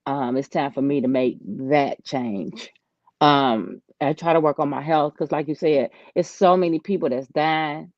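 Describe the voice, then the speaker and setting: A woman about fifty co-hosting a casual talk show, relaxed and agreeable, chiming in with short replies. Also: low-pitched, unhurried, no room sound. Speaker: podcast co-host. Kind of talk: casual chat. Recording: dull, dry recording.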